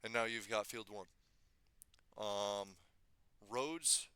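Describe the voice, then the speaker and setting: A man giving a casual screen-recorded software tutorial, thinking aloud and correcting himself as he goes, slightly losing his voice. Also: lowish voice, slow pace, clear, resonant tone, dry recording. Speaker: tutorial maker.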